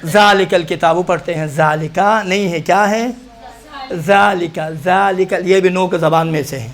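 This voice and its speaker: A man teaching Quran recitation in Pakistani-accented Urdu, sounding out letters again and again before he explains how to say them. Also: high-pitched. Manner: demonstrates letters by repeating them, then explains. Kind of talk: practical pronunciation lesson.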